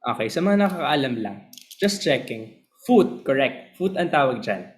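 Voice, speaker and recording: A man teaching a class, switching between Tagalog and English, often asking the students whether they follow and reading verse slowly. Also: medium pitch, sing-song, rough recording. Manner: slow, drawn-out reading of verse lines. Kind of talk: lecture mixing Tagalog and English.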